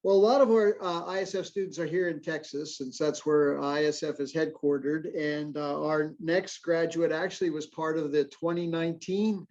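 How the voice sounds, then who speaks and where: A man hosting a graduation ceremony over a video call, friendly and halting, with many fillers. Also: steady tone, darkish tone. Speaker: ceremony host. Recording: muffled low-fidelity audio.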